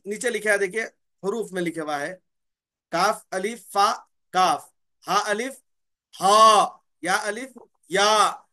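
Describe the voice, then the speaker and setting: This teacher's voice is high-pitched, bright and forceful as he slowly explains how Quran recitation works. Letter names are drawn out, key terms come up again and again, and he answers the questions he puts to himself.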